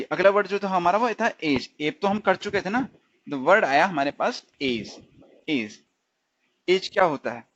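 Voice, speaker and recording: A man teaching a stenography lesson, asking his students questions and answering them himself, repeating each sound slowly. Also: high-pitched, no room sound, highs cut off. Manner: slips into English definitions. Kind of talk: recorded shorthand lesson.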